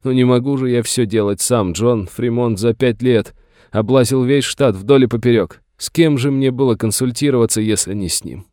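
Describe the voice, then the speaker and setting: In a dry studio recording, a man lightly acts the part of a frightened older rancher, pleading with tearful, whining agitation in a fearful, plaintive mood. His mid-range, mellow voice moves at a moderate pace, pitched above his own natural voice.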